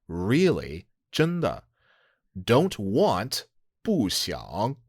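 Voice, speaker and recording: A man's voice: fairly low pitch, wildly swooping pitch, extremely slow, husky, dry recording, clean studio sound. A man hosting a language podcast, explaining slang step by step in a casual, laughing way. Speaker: podcast host teaching slang. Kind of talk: casual teaching chat.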